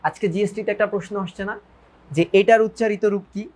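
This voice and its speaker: A man's voice: sits high, steady tone, fast talker, darkish tone, husky. A man teaching a grammar lecture, who repeats phrases, asks his students questions and drops English words into his talk. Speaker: Bengali grammar tutor. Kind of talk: online lecture.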